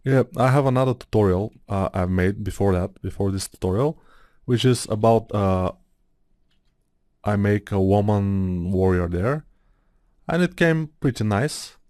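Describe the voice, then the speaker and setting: Speaking at a measured pace in a lowish, darkish voice, an Eastern European-accented man chats loosely through a modeling tutorial. He thinks aloud and leans on fillers; the studio recording is clean with no room sound.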